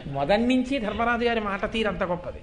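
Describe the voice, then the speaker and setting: A high-pitched man delivers a devotional discourse, chanting classical verses between passages of animated storytelling. He turns to his listeners with direct questions as he retells the epic. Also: fast talker. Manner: animated storytelling with acted quotes. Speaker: religious discourse speaker.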